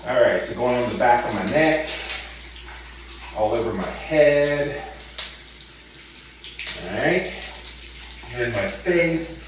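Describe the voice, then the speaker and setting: A man chatting calmly and instructively to viewers while standing under ice-cold shower water, stretching and repeating words for emphasis. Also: fairly low pitch. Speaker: vlogger doing a cold-water challenge. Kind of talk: casual instructional vlog chat. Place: open shower in a hotel bathroom. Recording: echoey bathroom, distant mic, noisy running water. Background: running shower water.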